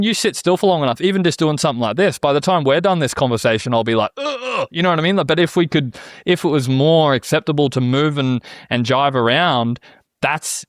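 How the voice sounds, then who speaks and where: A man's voice: medium pitch, no room sound, clean studio sound. A man hosting a casual spiritual conversation, reflective and often checking in with "you know what I mean?". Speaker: podcast host.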